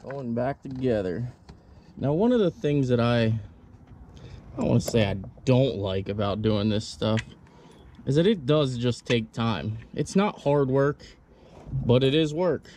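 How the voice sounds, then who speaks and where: A man's voice: medium pitch, lively intonation, a little slow, warm tone, a little hiss or hum. A man giving casual how-to commentary while working on a car outdoors, laid-back and chatty with plenty of fillers. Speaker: car vlogger. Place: outdoors on gravel by an engine hoist.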